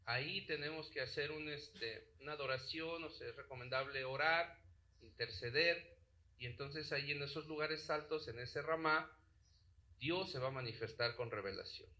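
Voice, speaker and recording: A man's voice: fairly high pitch, moderate pace, sharp tone, poor audio. A man preaching a sermon who keeps asking his congregation questions and checking that they follow along. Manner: asks the congregation rhetorical questions.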